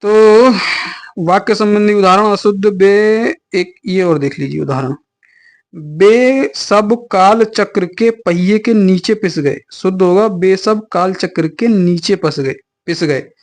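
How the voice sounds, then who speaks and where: High-pitched male teacher explaining patiently. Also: slow pace. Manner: explains patiently with many "ठीक है" and "अ" fillers; relaxed, chatty teaching with asides to students. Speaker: exam coaching teacher. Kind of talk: online class lecture.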